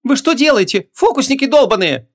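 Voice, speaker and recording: A man doing a shrill young woman apprentice. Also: very animated, moderate pace. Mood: shrieking. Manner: shrill, indignant.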